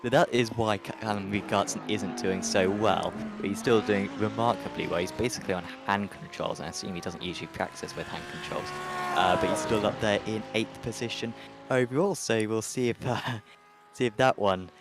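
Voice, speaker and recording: Deep-voiced hesitant male race commentator. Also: fairly even intonation, fairly quick, creaky, heavy background noise. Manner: hesitant, many fillers. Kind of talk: sim racing broadcast commentary.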